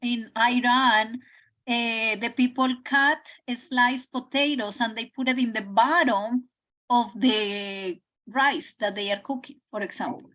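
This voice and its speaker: Slow-talking woman explaining informally. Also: fairly high pitch, fairly even intonation, fairly bright tone.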